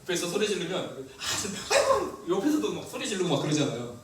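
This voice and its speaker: Lively pastor in an echoey church. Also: male voice, on the high side, racing, far from the mic, very noisy. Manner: lively, asks the congregation questions. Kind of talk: sermon. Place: church hall.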